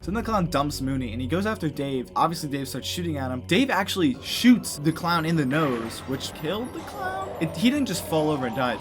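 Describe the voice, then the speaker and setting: A man giving a casual, comedic movie recap in an incredulous, animated way, with slangy, sweary speech. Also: a little high. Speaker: movie reviewer.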